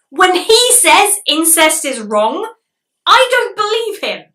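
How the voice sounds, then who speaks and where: A woman narrates a comedic film review with sarcastic, sweary exasperation. Her voice is high and bright. The recording sounds roomy, with the mic a little distant.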